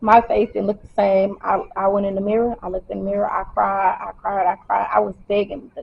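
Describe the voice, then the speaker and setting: This woman's husky, medium-pitched voice carries vocal fry and little pitch movement, moving a little fast. Fighting back tears, she shares her own story to camera in a colloquial, direct, emotional way. The recording sounds dull and lo-fi.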